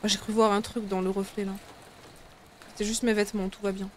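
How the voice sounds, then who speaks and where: A woman's voice: medium pitch, flat delivery, a little fast, slight background noise. A young woman giving casual, slangy let's play commentary as she reacts to a horror game and her chat. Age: young adult. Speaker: live streamer playing a horror game. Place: small room at home, indoors. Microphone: desk microphone close to the mouth.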